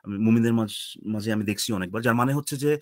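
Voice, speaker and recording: A man's voice: lowish voice, very fast, a little mellow, dry recording, studio quality. A man on a panel in a casual live discussion, hesitant and searching for his words. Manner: hesitant, many fillers and restarts while searching for words.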